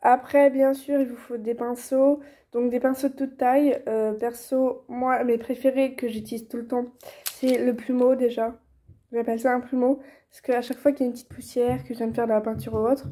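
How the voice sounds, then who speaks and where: Chatty young woman, mellow voice. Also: a little high, little pitch movement, a little fast. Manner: chatty, many fillers and restarts. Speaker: vlogger teaching reborn doll painting. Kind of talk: casual tutorial chat.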